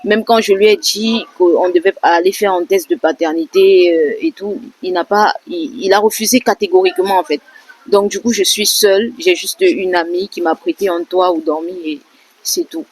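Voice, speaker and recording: Young adult woman, interviewee, husky tone, hesitant and halting delivery. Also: lowish voice, darkish tone. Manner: hesitant, halting with many fillers. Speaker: interviewee sharing her story. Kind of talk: emotional testimony.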